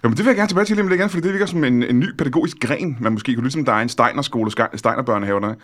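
A man's voice: medium pitch, a bit bright. A man hosting a comedy talk show, asking questions in a dry, mock-serious way. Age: adult. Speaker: host.

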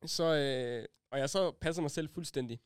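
Young man telling a lively story. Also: on the high side, clean tone, no room sound, clean studio sound. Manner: animated storytelling, slangy, laughs while telling. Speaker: podcast host. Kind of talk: casual podcast chat.

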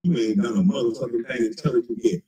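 A man's voice: mid-range voice, fast, warm tone, poor audio. A man in his forties in a profane, mocking, taunting rant. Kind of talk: heated rant.

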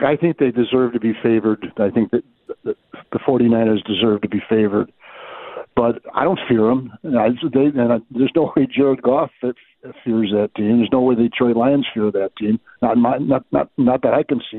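A man co-hosting a casual sports podcast, talking football in a measured way, often hedging with "I think.". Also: medium pitch, no room sound. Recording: tinny phone line.

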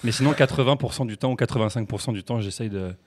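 A man talking quickly and with lots of animation on a casual podcast. He tells stories, jokes around, and often stumbles and repeats words before he gets going again. His voice sits at a middle pitch. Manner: fast, animated, jokey storytelling with repeated restarts. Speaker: podcast guest, comedian. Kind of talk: casual chat.

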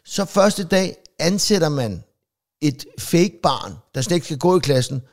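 A man's voice: a little high, lively intonation, darkish tone. A man, a comedian co-hosting a podcast, chatting casually and making jokes. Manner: joking, quick agreeing interjections. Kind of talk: casual chat.

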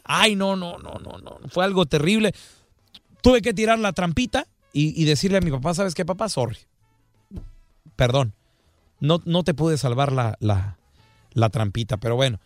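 A man's voice: fairly high pitch, vocal fry, no echo, studio quality. A man from Chihuahua, Mexico, a radio host telling comic stories with lots of groaning sighs. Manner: animated, full of sighing groans. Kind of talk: casual comic storytelling.

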